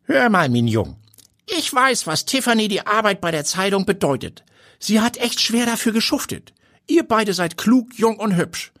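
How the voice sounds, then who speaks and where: A dry, knowing elderly grandfather who speaks slowly and sets out facts as if teaching a class. The voice sits high and thin for an old man and carries a husky grain. The delivery is animated and full of rises and falls. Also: heavily acted. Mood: fatherly. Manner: slow, lecturing.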